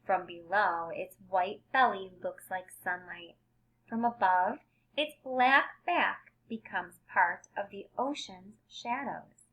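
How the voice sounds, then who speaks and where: A woman reads a picture book aloud to young children the way a teacher would, slowly and at medium pitch, on dull-sounding audio. She expressively emphasizes key words and headings and adds simple explanatory asides.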